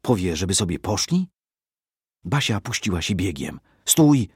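Man narrating a story, deep voice, husky, expressive reading, dry close recording. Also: normal speed, no echo.

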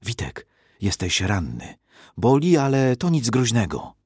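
A man's voice: medium pitch, huge pitch swings, a little slow, darkish tone, slightly rough, dry recording, studio quality, heavily acted. A man voicing a young woman field nurse, soothing but urgent in her speech.

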